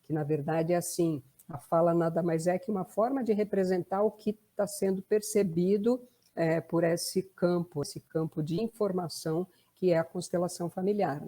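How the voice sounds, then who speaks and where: A woman's voice: lowish voice, normal speed, mellow. A woman with a Brazilian Portuguese accent, a family constellation therapist explaining a case in a conversational way. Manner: conversational, tag questions. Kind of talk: explanatory talk.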